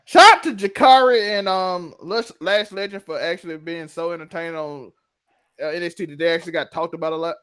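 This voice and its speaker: A man's voice: a little high, brisk, a bit bright, clear, resonant tone. A man co-hosting a wrestling podcast, joking often and acting out what people said. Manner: laughing, jokey, mimics people. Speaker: podcast co-host. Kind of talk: casual wrestling chat.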